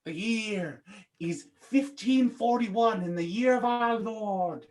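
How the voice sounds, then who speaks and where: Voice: medium pitch, slow, darkish tone, close to an everyday voice. A performer doing a spry old leprechaun stew cook. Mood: awed. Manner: folksy old-timey talk with a lilt.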